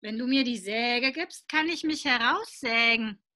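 A woman voicing an excited little boy in a picture-book reading, with shrill, pleading cries. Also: measured pace. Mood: whiny.

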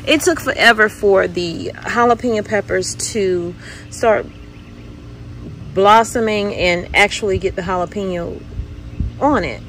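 A woman's voice: medium pitch, a little slow, a bit bright, slight background noise, rough recording. A woman casually walking viewers through her backyard garden, chatty and exclamatory, calling them y'all. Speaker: home gardener vlogger.

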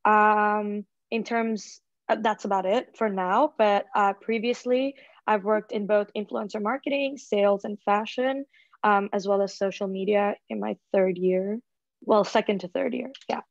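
A woman's voice: medium pitch, fairly even intonation, a little slow, no room sound. A woman of twenty-one from Singapore, a student presenter chatting casually about her courses on a video call, full of likes and ums. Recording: dull, lo-fi video call audio.

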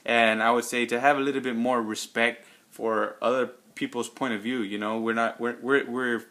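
Bright-voiced Texan man rambling through a vlog. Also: medium pitch, flat delivery, normal speed. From Texas. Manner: rambling, many ums and restarts. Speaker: fragrance reviewer. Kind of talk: casual unscripted vlog response.

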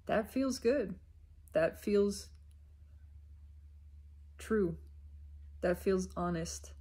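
A self-reflective spiritual vlogger, a woman, offers an unscripted, contemplative monologue in short, halting, repeated phrases. Her husky, creaky voice is fairly low and a little mellow.

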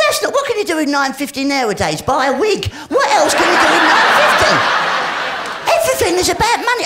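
Squeaky-voiced man doing stand-up. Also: very noisy. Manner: rambling punchy storytelling with "right?" tags. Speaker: stand-up comedian. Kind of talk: stand-up comedy routine. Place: live comedy stage before an audience. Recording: live show with loud crowd laughter and music.

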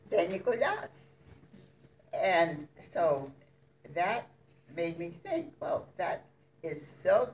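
An older woman, a former French teacher, reminiscing in a halting, wandering way. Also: deep voice. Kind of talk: reminiscing talk. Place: church fellowship hall. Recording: distant mic, faint room noise.

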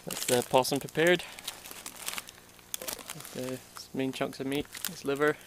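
Young male outdoor vlogger, relaxed and explanatory with dry humor, filmed on an action camera. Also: mid-range voice, measured pace, background noise. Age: young adult. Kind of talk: casual outdoor vlog narration. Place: outdoors in a forest.

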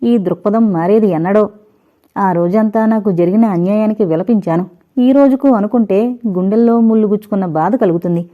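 A woman with a medium-pitched voice narrates a first-person audio novel in a measured, reflective storytelling manner. The recording is slightly dull and lo-fi.

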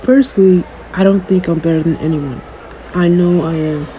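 Rough recording with a little hiss or hum carries a warm, natural, highish male voice at normal speed and steady tone. He performs a one-sided roleplay as a cocky, jaded young superhero, dry and sarcastic, aloof and smug toward his fan.

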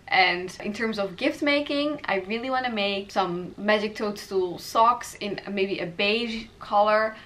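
A woman's voice: mid-range voice, fairly bright tone. A woman, hosting a knitting podcast and rambling casually from her apartment with hesitant fillers.

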